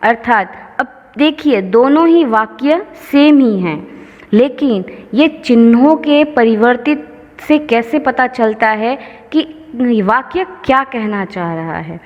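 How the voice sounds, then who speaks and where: A woman teacher giving a slow, patient grammar lesson, explaining each example step by step. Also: fairly high pitch, expressive. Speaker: school teacher. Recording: lo-fi with long reverb.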